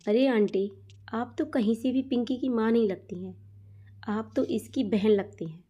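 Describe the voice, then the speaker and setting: A woman voicing a flattering college guy. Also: a little high, moderate pace, husky, muffled recording. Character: young male college student, flattering.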